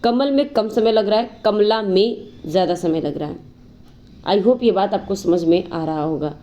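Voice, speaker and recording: A woman's voice: mid-range voice, normal speed, mellow. A woman teaching an exam-prep grammar lesson, explaining patiently, asking herself questions and drawling vowels to show how they stretch. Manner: explanatory, repeats "ठीक है" and asks rhetorical questions; drawls vowels long to demonstrate.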